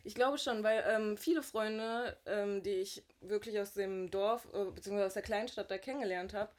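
A woman in her twenties co-hosting a casual podcast, loud and outgoing, often laughing as she talks. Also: mid-range voice, normal speed. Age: 20s. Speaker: podcast co-host. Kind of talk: casual chat.

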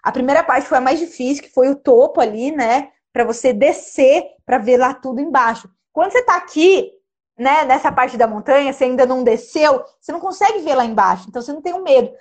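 A young woman telling a dramatic personal travel story in casual, animated chat. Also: high voice, fast talker. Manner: lively, animated, dramatic retelling with gestures.

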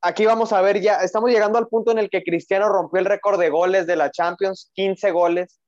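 A man's voice: sits high, steady tone, a little fast, a little mellow, no echo. A young man co-hosting a football podcast as an emotional fan, chatting casually and repeating his phrases. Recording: roomless dry, slightly dull lo-fi audio.

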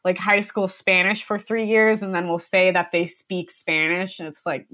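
A woman's voice: on the low side, little pitch movement, moderate pace, bright, forceful tone. A young American woman from the United States, a podcast guest chatting casually, rambling with many fillers and frequent laughter. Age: young adult.

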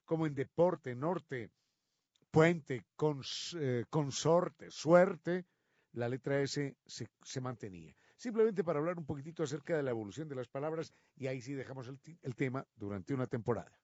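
A man presenting a radio segment on how words changed from Latin, drawing out each example word slowly and with emphasis. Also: medium pitch, expressive, a little mellow, dry recording, muffled recording. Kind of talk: explanatory talk on word origins.

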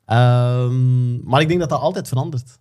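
A man chatting on a podcast, often pausing and repeating words while he thinks. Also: mid-range voice, a little mellow, slight background noise. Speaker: podcast host. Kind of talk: casual chat.

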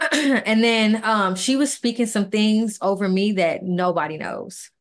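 A woman's voice: medium pitch, a little slow. A woman, a podcast co-host telling a personal story in casual, earnest speech and acting out the dialogue. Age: 20s. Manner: earnest, animated retelling with quoted dialogue.

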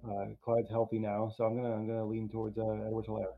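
Gravelly low man on a tinny line. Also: completely flat delivery. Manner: halting, with many restarts and fillers, teasing. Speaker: co-host. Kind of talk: casual fantasy football chat. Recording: tinny phone-like line with faint noise.

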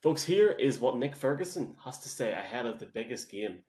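A man's voice: medium pitch, big pitch swings, a little fast, a little mellow. An Irish man hosting a sports show in a casual, chatty and enthusiastic way.

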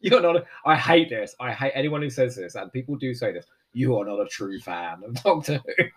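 A man in his forties hosting a chatty podcast, his voice husky and roughened. He talks with a lively, rising and falling pitch and cracks jokes as he goes. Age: 40s. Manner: animated, joking, quick asides. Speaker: podcast host. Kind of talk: casual chat.

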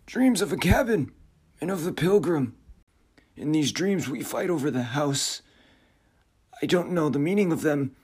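An eerie, high, formal stranger. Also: male voice, lively intonation, darkish tone, husky. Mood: brooding. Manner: stiff, formal, measured phrasing. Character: eerie, formal, troubled otherworldly man.

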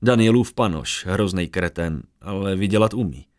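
A man's voice: sits low, lively intonation, a little mellow, no echo, clean studio sound. A man voicing a wary young male adventurer.

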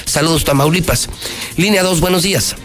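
A man's voice: a little high, a little fast. A Mexican man hosting a live phone-in opinion show, speaking in an emphatic, repetitive, colloquial way with sarcastic rhetoric. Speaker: radio and TV talk show host. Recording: music bed behind the voice. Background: background music.

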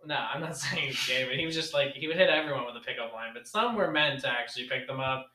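Telling rambling stories and laughing often, this young podcast co-host has a bright, forceful, medium-pitched voice and a quick pace. It's a casual chat, recorded in an echoey room.

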